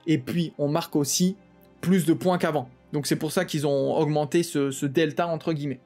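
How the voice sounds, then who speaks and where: A man hosting a tabletop game channel, explaining rules in a quick, casual way with lots of fillers and restarts. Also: a little high, fairly even intonation, darkish tone, soft background music. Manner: talks fast, with many "euh" fillers and restarts.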